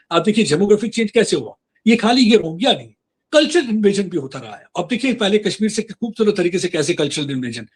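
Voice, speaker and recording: A man with a fairly high, slightly husky voice speaks as a guest in a political interview. He talks earnestly and insistently, sliding between Hindi and English with frequent fillers.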